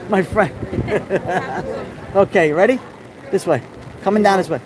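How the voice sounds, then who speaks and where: A high-voiced, middle-aged New Yorker with the city's accent takes it slowly as he live-streams a casual walking tour on a rainy festival street. Holding his phone camera, he chats loosely, drifts into asides and greets viewers by name over the street noise.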